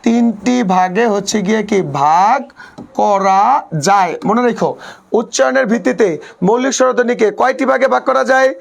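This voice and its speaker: A man's voice: very high-pitched, steady tone, normal speed, vocal fry. A man teaching a live online class. He repeats each point several times, leans on a habitual filler phrase, and teases his students playfully between explanations.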